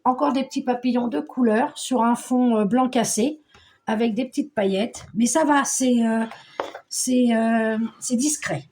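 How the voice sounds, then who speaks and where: Middle-aged woman from Paris, casual crafting vlog, higher voice, chatty and hesitant, faint background noise. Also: moderate pace, darkish tone. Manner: chatty, hesitant, many fillers and restarts. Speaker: scrapbooking vlogger. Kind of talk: casual show-and-tell chat.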